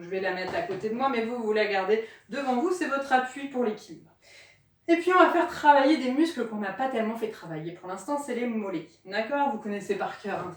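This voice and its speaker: Woman coach doing a home workout, kinda high voice, echoey room, sounds far from the mic. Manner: encouraging, counts out loud and cues breathing. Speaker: fitness instructor.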